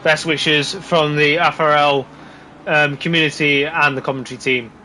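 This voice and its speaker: A man doing live motorsport commentary, calling the race play by play in an excitable, exclaiming way. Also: fairly high pitch, moderate pace, slight background noise. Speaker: motorsport commentator on a sim racing broadcast.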